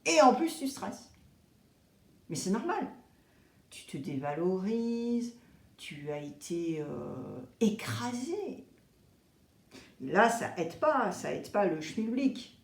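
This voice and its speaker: A woman giving a casual, chatty tarot reading, expressive and animated, acting out little quoted exchanges. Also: mid-range voice, slow, pauses often, reverberant. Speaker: tarot reader.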